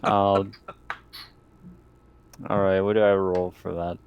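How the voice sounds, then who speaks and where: Very deep-voiced, sweary male gamer. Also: little pitch movement, slow pace, smooth, dull audio. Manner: sweary, informal. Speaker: tabletop game player. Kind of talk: casual gaming chat.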